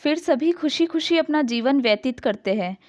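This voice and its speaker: A woman narrating a moral family story in Hindi in a gentle, expressive way, as the channel's storyteller. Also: high voice, moderate pace, no echo. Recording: dull dry lo-fi sound.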